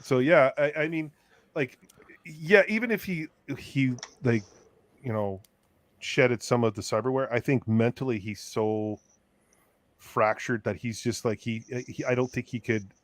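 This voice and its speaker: A man hosting a casual show, talking in halting bursts with many repeated words. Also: medium pitch, no room sound. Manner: halting, repeats words, greets viewers by name. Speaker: podcast host. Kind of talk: casual chat.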